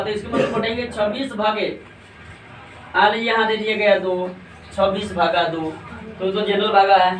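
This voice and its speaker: High-voiced man teaching maths. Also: fairly bright tone, a little hiss or hum. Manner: step-by-step explaining, asks and answers his own questions. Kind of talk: classroom maths lesson. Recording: echoey room, mic far off, faint ambience.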